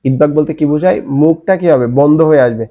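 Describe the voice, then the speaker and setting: A man's voice: fairly high pitch, fast talker, highs cut off. A man from Bangladesh teaching an online Quran recitation class in Bengali-accented speech, drilling letter sounds and answering his own questions.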